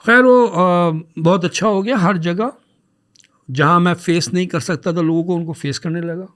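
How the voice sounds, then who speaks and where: A man on a podcast telling a personal story in a casual, anecdotal way, dropping English words into his speech and acting out the dialogue as he retells it. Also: sits high. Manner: animated, acts out dialogue when retelling.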